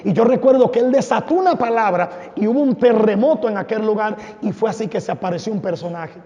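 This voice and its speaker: A man's voice: high voice, quick pace, warm tone. A man giving a fervent, dramatic testimony from a church stage. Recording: echoey hall, dull lo-fi sound.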